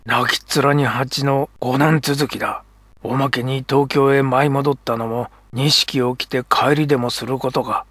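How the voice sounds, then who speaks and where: A man voicing a proud but struggling middle-aged kabuki actor who talks in a rough, earnest Edo dialect. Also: mid-range voice, fairly bright tone, dry recording.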